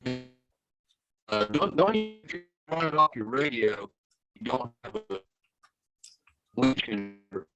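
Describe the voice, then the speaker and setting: A man calling in over a connection whose audio keeps glitching and cutting out, asking halting questions in a casual chat. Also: mid-range voice, very animated, bright, forceful tone, soft background music, rough recording. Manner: halting, asks questions in broken bits. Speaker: remote participant on a call.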